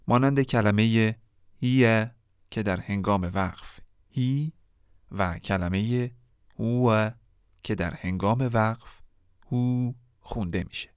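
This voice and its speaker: Smooth-voiced man teaching Quran reading. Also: fairly low pitch, no room sound, clean studio sound. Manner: measured, slows and stretches example words. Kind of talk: scripted instructional narration.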